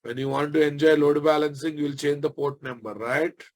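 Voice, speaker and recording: A man with a Telugu Indian accent giving an informal technical lecture as a software instructor, repeating phrases and often checking with tag questions that listeners follow. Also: a little high, fairly even intonation, brisk.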